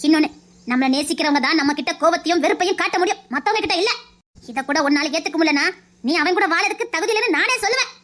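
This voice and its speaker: A stern, wise grandmother scolds in a firm, moralizing tone with a Tirunelveli Tamil accent, voiced by a woman. The voice sits very high and bright. It is family drama acting. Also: exaggerated voice.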